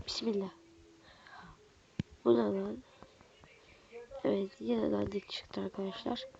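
A young woman with a stuffy nose, giving casual, excitable commentary as she opens card packs in a game, swinging from muttering to squealing. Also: medium pitch, measured pace, vocal fry, dull audio, slight background noise. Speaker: gaming YouTuber. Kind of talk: casual pack-opening commentary.

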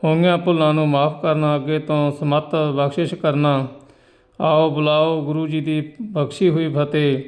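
A man's voice: a little high, level tone, normal speed, a little mellow. A man teaching scripture recitation, correcting pronunciation and closing with a formal, devotional prayer.

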